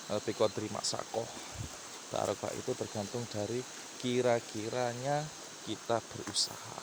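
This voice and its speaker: A young man from Indonesia, talking haltingly and casually as he guides a night exploration vlog, often repeating words. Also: on the low side, little pitch movement, vocal fry. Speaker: vlogger, local guide. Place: outdoors at night beside a rural river. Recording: noisy outdoor recording with insects and stream. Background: crickets, insects, running stream.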